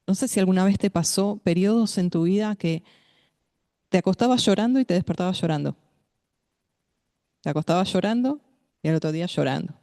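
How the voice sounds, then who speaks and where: A woman's voice: on the low side, dark tone, dry recording, studio quality. A woman preaching at a women's meeting, speaking to her listeners directly and asking them questions. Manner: measured, addresses listeners directly as sister with questions. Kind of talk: sermon.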